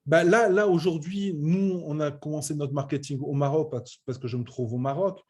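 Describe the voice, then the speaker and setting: Pitched a little high, with a husky, slightly mellow quality, a man in his late thirties moves at a moderate pace through an informal online pitch. As a web entrepreneur introducing his training programme, he's emphatic but keeps hesitating and repeating himself.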